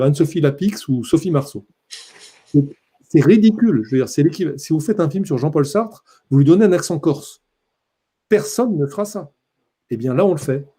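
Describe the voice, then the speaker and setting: A man's voice: a little high, mellow, slightly rough. A man, a print journalist, giving a conference talk in an impassioned, emphatic way.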